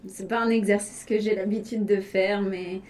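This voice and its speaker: An arts organisation director from Vendée in western France, speaking with a French accent, shares personal stories as an interview guest in a casual, hesitant and reflective way. Her mid-range voice is a little mellow, with flat delivery at normal speed.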